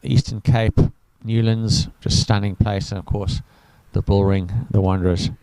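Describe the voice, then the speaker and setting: A man's voice: fairly low pitch, level tone, measured pace, gravelly, a little mellow, smooth, dry recording, low-quality recording. A man from Africa, giving chatty live cricket commentary full of enthusiastic asides. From South Africa.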